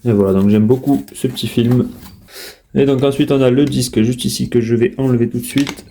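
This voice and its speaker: Dark-voiced man chatting through an unboxing. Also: medium pitch, fairly even intonation, fairly quick, gravelly, a little hiss or hum. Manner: chatty, hesitant, many fillers and restarts. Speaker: collector unboxing steelbooks. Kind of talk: casual unboxing commentary.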